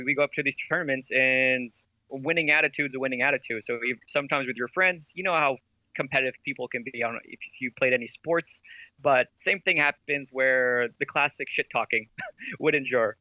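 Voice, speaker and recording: An esports veteran and company head guests on a podcast in a casual interview, telling stories animatedly and laughing often. His voice is mid-range, and the lo-fi recording has no echo.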